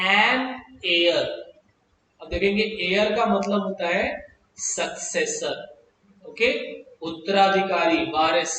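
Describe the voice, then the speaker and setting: Indian man, english teacher, high voice, slow deliberate delivery, very echoey room, distant mic. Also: fairly bright tone. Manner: explains slowly with drawn-out example words; mixes Hindi with English. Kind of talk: classroom grammar lesson.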